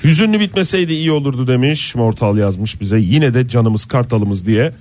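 A man's voice: mid-range voice, expressive, normal speed, a little mellow. A man co-hosting a radio show, reading listener messages with mock-formal humor.

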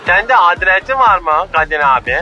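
Brief: high, very bright lovestruck bee voiced by a man, calling in over a dull phone line, chummy and pleading. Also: very animated, moderate pace, soft background music, some chatter behind, exaggerated voice. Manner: chummy, pleading, calls the host "hocam". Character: lovestruck male bee caller, cheeky. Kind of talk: radio comedy sketch.

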